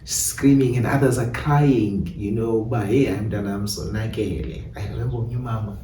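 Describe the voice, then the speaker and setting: A South African playwright and director, interviewed in a roomy space, speaks reflectively at a normal speed in a mellow, low-leaning voice, code-switching between English and Xhosa. Faint background noise comes through the distant mic.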